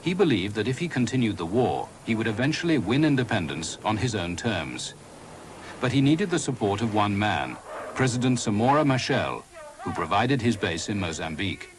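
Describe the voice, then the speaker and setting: A man's voice: lowish voice, very animated, moderate pace. Grave man narrating a documentary. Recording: noisy 1980s broadcast audio.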